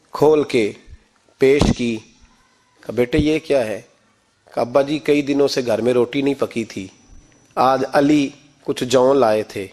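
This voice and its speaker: A man's voice: mid-range voice, darkish tone. A man with a Pakistani Urdu accent preaching a sermon, impassioned and emphatic, acting out voices from the stories he tells. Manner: impassioned, rising to emphatic peaks, quoting figures in stories.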